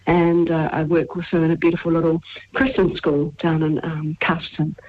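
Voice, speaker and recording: A woman from England calls in to a radio show, her low-pitched voice level in tone and moderate in pace. She chats casually and warmly about her town, hesitating with plenty of fillers. The phone line sounds muffled.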